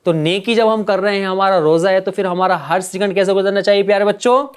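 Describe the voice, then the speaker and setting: A man teaching a religious lesson to children, gently coaxing them with repeated questions. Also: high-pitched, steady tone, clear, resonant tone.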